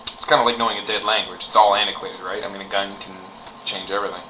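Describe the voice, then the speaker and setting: A man's voice: fairly low pitch, steady tone, fast talker, bright, forceful tone. A man giving a casual, opinionated rant in a blunt, informal way with some swearing. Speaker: martial arts enthusiast giving opinions. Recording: clearly noisy recording with background ambience.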